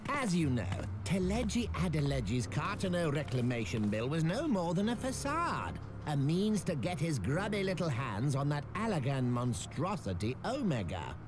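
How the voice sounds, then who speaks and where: A man's voice: on the high side, sing-song, moderate pace, few pauses, background noise. A man playing a smug, scheming merchant magnate in a video game, with a pompous, oily grand-vizier delivery and archaic, formal phrasing. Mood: smug, calculating. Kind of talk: scripted game dialogue, archaic formal diction. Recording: music behind the voice.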